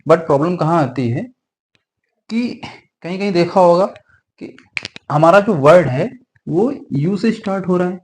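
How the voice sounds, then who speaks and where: A man's voice: high-pitched, animated, unhurried, long pauses, a little mellow, a little hiss or hum, low-quality recording. A man teaching a grammar lesson, often asking a question and then answering it himself, and repeating the key rules. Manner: mixes Hindi with English grammar terms.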